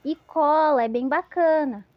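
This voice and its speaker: A woman's voice: high voice, measured pace, dry recording, highs cut off. A woman giving an instructional lesson, patiently explaining step by step with examples. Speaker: teacher.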